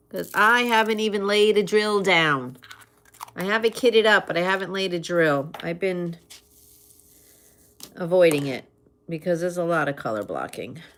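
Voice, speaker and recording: A woman chatting casually in an unhurried, conversational way, with pauses as she replies to listeners. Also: fairly low pitch. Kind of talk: casual chat.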